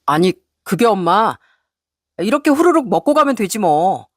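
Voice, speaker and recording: A woman's voice: medium pitch, moderate pace, no room sound, clean studio sound. Woman doing a flustered pleading husband. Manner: pleading, tries to calm his mother. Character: flustered grown son and husband, a doctor.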